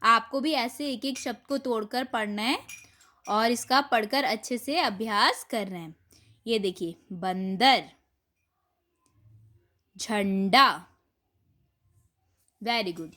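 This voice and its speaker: A woman teaching an online Hindi lesson to young children, reading words and a rhyme aloud slowly and clearly in a sing-song way. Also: a little high, sharp tone. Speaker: primary school teacher.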